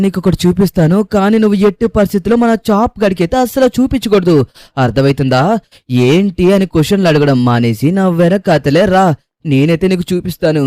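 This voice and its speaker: A man hosting and voicing his own game story video in a lively, fast way. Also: on the high side, no room sound, clean studio sound. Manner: lively, talks fast to the viewers and the characters. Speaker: host and narrator. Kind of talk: gameplay story voice-over.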